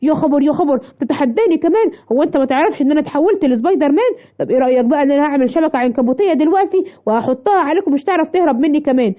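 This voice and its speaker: A woman's voice: high voice, animated, racing, hardly any pauses, highs cut off. A woman with an Egyptian accent voicing a cheeky, boastful boy spider-hero toy in a children's bedtime story. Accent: Egyptian Arabic.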